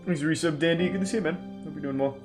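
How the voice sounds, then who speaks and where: A man's voice: a little high, quick pace, over music. A man streaming live through a headset mic, giving dry, sardonic reaction commentary. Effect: livestream headset mic audio.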